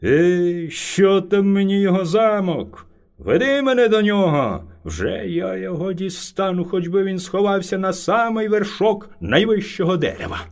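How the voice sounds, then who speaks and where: A man's voice: sits high, lively intonation, normal speed. A man voicing a hungry, furious male bear who lords it over the forest and roars insults. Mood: raging. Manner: roaring, shouting insults.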